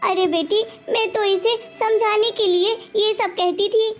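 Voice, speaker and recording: A woman voicing an anxious elderly mother-in-law in an animated family story, wailing and calling on God. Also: very high-pitched, a little slow, faint music behind. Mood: pleading.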